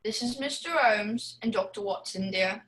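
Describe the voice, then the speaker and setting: A woman playing a brisk, bossy, rather sour female innkeeper in a radio play. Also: medium pitch, background noise, natural voice. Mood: matter-of-fact. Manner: bossy, no-nonsense.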